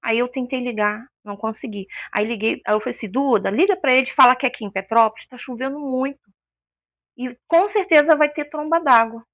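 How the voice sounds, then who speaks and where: A woman's voice: a little high, a little fast, a bit bright, dry recording, clean studio sound. A woman giving an emotional personal testimony as an interview guest, a vivid storyteller who acts out the voices she quotes.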